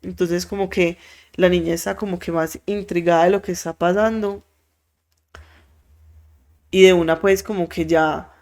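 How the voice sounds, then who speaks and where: Podcast host, lively storyteller who voices the characters. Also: medium pitch. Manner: animated, acts out quoted voices; frequent filler words.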